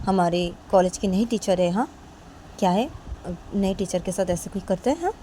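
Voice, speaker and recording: A woman voicing a calm college principal who coaxes and politely pleads to settle a quarrel. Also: mid-range voice, normal speed, slight background noise, lightly acted. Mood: placating. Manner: soothing, coaxing, polite pleading.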